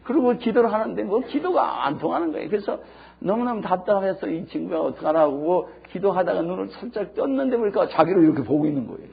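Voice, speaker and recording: High, gravelly male preacher. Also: animated, quick pace. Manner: emphatic storytelling, swinging between hushed and loud. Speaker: pastor. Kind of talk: sermon. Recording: dull lo-fi sermon recording.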